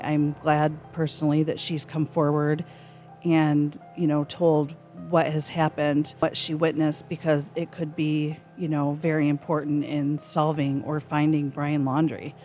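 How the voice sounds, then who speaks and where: A woman with a notably low voice walks through a case in a calm, conversational way. She pauses on an occasional filler as she goes. Soft music plays faintly underneath. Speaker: true crime commentator. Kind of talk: casual recap commentary.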